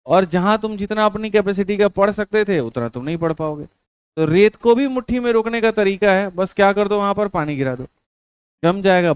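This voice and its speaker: A man's voice: high-pitched, clear, resonant tone, no room sound. A man giving colloquial motivational study advice to exam students, repeating his points and calling them brother.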